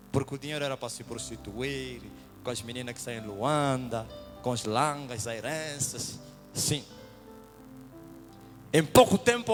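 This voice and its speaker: A man preaching a testimony sermon, swinging from loud shouted praise to hushed whispers. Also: on the high side.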